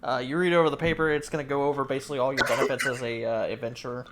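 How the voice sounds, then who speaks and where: A man's voice: mid-range voice, very fast, heavy background noise. Man narrating as dungeon master. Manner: relaxed, filler-heavy explaining. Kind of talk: narrating a tabletop game.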